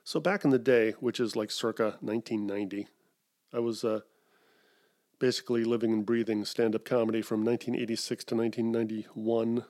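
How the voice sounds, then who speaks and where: A man's voice: on the low side, fairly even intonation, fairly quick, a little mellow. A middle-aged man from Wisconsin hosting a solo podcast, rambling through digressions with self-mocking asides. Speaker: podcast host.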